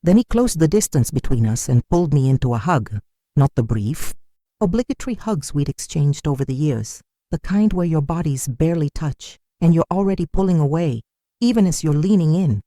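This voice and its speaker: A woman reading a scripted first-person story in an even, measured way. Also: deep voice, no room sound, studio quality.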